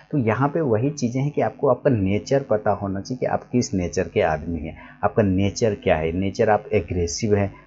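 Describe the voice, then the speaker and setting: A man's voice: fairly low pitch, mellow, highs cut off. A man teaching a casual trading lesson, explaining patiently and repeating his points as he writes on a board. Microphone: recorded while writing on a board.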